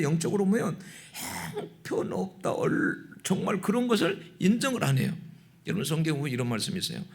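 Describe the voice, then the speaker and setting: A male pastor delivers a Sunday sermon in a mid-pitched voice. He preaches emphatically and keeps prodding the congregation with short rhetorical questions. He swings between loud, exclaiming stretches and hushed, intense ones.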